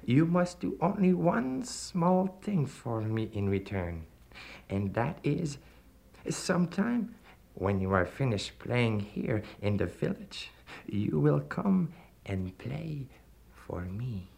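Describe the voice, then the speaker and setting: A man voicing a sly, smooth male devil in a folktale, speaking slowly and hushed, trailing into whispers. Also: mid-range voice, very animated, voice pushed up, heavily acted. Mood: tempting.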